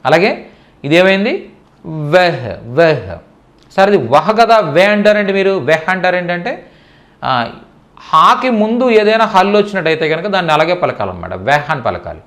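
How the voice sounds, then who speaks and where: A man's voice: a little high, a bit bright. A man teaching Hindi in a spoken lesson, who explains patiently, repeats words and often checks that listeners understand.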